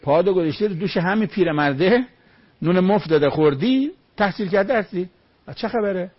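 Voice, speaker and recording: Husky-voiced male preacher. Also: high-pitched, expressive, no room sound, dull audio. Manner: emphatic, with rhetorical questions and storytelling. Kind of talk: sermon on Quran verses.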